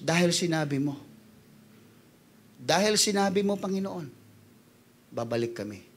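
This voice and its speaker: A preacher doing Pedro, a hushed weary fisherman. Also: fairly high pitch, animated, measured pace, a little hiss or hum, voice pushed down. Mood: humble, weary. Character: humble weary male fisherman talking to his master.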